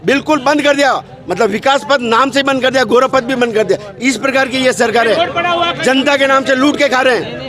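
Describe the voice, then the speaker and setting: A man's voice: very high-pitched, a little fast. A man, a local party supporter, arguing his point insistently in a street interview. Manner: insistent, argumentative. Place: outdoors in a town street. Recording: crowd chatter outdoors.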